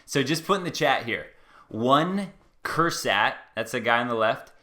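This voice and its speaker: Male stream host, bright tone, loose and chatty delivery. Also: medium pitch, animated. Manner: loose, chatty, quick bursts. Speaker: host reacting to a debate video. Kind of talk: casual commentary to a live chat.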